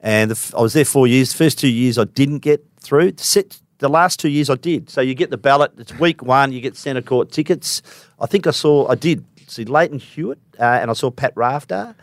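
Australian man, radio co-host, relaxed, wry humor, dry close sound. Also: mid-range voice, normal speed, no room sound. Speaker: co-host, senior reporter. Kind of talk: casual radio chat.

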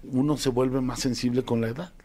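A man with a Mexican Spanish accent, chatting as a talk show guest, animated, imitating his kids and telling silly jokes. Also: medium pitch, brisk. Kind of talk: casual chat.

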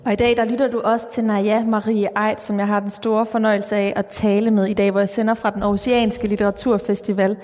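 A woman's voice: medium pitch, level tone, few pauses, a little mellow. A woman radio host interviewing an author, asking thoughtful questions with hesitant fillers. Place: large church. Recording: reverberant church hall.

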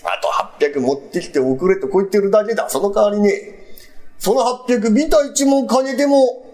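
A man's voice: sits high, fairly quick, a little mellow, lightly acted. A man voicing a stubborn, pompous elderly landlord with an old Edo Tokyo accent, drawling and mocking in rakugo storytelling. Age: older.

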